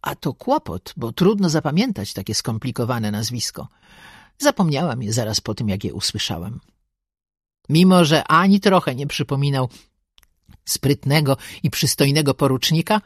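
A woman's voice: very deep voice, husky, dry recording. A woman narrating a first-person audiobook with a sardonic, bossy and dryly comic manner, close to the mic.

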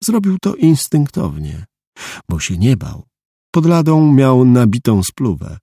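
Gravelly male audiobook narrator. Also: medium pitch, sing-song, slow pace, warm tone, no echo. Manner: dry, matter-of-fact storytelling. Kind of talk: scripted narration.

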